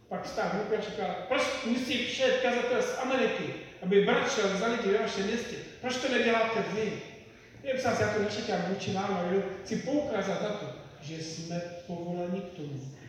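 Czech-speaking preacher in a reverberant hall. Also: male voice, sits high, far from the mic. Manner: earnest, pleading prayer with soft hushed passages. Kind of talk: sermon and prayer. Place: church hall. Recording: echoey hall, miked from afar, background noise.

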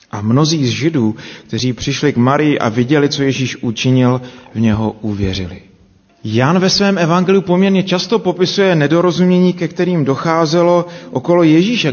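Man preaching in a reverberant hall. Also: a little high. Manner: measured, unhurried delivery with rhetorical questions. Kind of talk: scripture reading then sermon. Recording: long reverb, dull lo-fi sound.

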